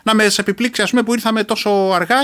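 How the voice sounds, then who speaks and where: A middle-aged man from Greece, an interview guest who served as a reserve commando, earnestly retelling a personal experience with halting restarts. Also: high voice, steady tone.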